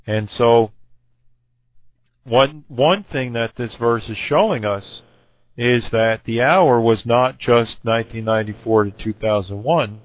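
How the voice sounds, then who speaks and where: A man laying out a Bible interpretation to someone he disagrees with, halting and correcting himself, with many fillers, and losing his voice. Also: mid-range voice, no echo, phone-quality sound. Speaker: Bible debater. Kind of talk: recorded argument addressed to another person.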